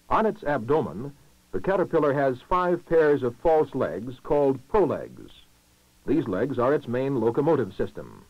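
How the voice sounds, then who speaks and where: In this 1960s educational film, a man narrates in a mid-pitched voice, his delivery formal, measured and clearly enunciated, with expressive shifts in pitch. The old soundtrack is dull and muffled, carrying essentially no room sound.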